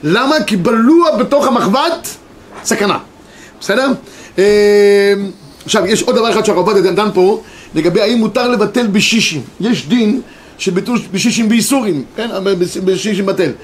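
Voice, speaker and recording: High-voiced rabbi teaching a class. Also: male voice, a little hiss or hum. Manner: explains, reads sources aloud, checks in with students. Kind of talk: Torah class lecture. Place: classroom with students.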